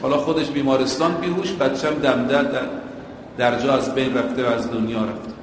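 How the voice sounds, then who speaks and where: A man's voice: medium pitch, steady tone, slight background noise. A male preacher giving a sermon, using everyday driving comparisons and chanting quotations in Arabic. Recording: echoey hall with a long reverb.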